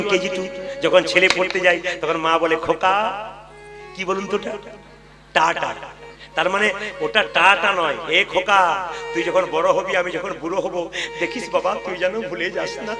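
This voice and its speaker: A man from West Bengal delivers a devotional kirtan sermon at a live gathering. His voice sits high and carries over steady music playing behind him. He keeps quizzing his listeners and slips into voices to act out his stories. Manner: animated, quizzes the audience, acts out voices in stories. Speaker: kirtan preacher.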